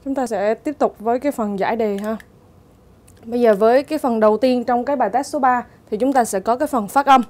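Woman teacher, slightly high voice, walks thru exam answers one by one, calm and methodical. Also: fast. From Vietnam. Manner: methodical, spells out each answer step by step. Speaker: English teacher. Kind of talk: exam answer walkthrough lesson.

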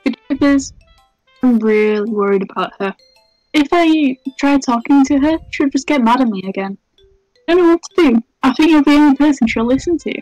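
Woman playing an anxious high-pitched schoolgirl. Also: animated, a little fast, a little mellow, no echo, faint music behind, rough recording. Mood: worried, pleading. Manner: earnest, pleading. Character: anxious, pouty teenage schoolgirl, earnest and embarrassed. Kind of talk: visual novel character dubbing.

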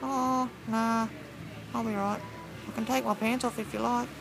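A man voicing a meek, hard-up Australian bloke in a silly comic redub, halting, mumbling and apologetic. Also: very high-pitched, level tone, gravelly, over music, full character voice, poor audio. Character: whiny, meek, hard-up bloke pleading on the street. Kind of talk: silly mismatched comic redub of distant people.

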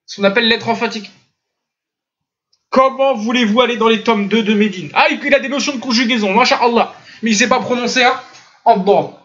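Brisk and extremely high-pitched, with a fairly bright tone, a French-speaking Islamic teacher leads a religious lesson online. Heard in lo-fi audio from a computer mic in a voice chat room, he insists on correct pronunciation, demonstrating each sound himself.

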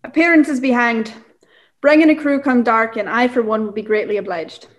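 A young woman playing a blustering, boastful gentleman squire in a radio play, pompous and excitable. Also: a little high, moderate pace, natural voice. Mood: flattered, pompous. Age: young adult.

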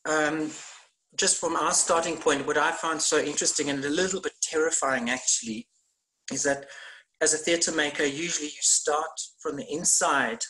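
A man's voice: a little high, steady tone, normal speed, bright, forceful tone, low-quality recording. A middle-aged man, a theatre maker, speaking on a video call panel from a room at home, thoughtful and hesitant with many fillers. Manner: gestures widely while talking. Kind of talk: online panel discussion. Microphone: laptop webcam on video call.

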